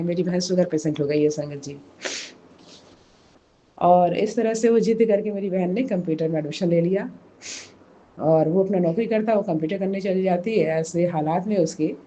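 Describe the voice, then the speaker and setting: A hoarse woman giving an emotional personal testimony, speaking slowly and softly in a pleading way. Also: lowish voice, lo-fi sound, a little hiss or hum. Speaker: devotee sharing a testimony.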